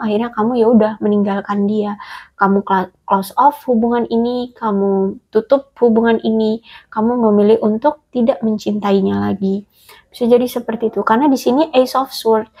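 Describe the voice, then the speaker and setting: A woman's voice: on the high side, a little mellow, breathy edge. A woman giving a casual tarot reading straight to the listener, chatty and hesitant, with many fillers and restarts. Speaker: tarot reader.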